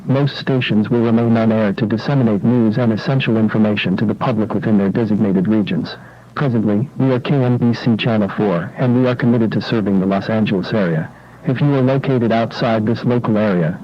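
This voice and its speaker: Slow, low-voiced man on a muffled emergency alert broadcast. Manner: formal, measured, instructive. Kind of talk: scripted emergency broadcast announcement. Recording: dull lo-fi broadcast audio.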